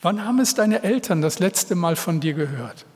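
A middle-aged male pastor preaching an earnest, heartfelt sermon to his congregation, with pauses between phrases. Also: high-pitched, expressive, darkish tone. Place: church hall. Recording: reverberant church hall. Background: long reverb.

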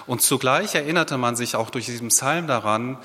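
A man's voice: medium pitch, moderate pace, sharp tone. Man preaching in a reverberant hall. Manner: conversational preaching with rhetorical questions. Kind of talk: sermon. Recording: long reverb of a large hall.

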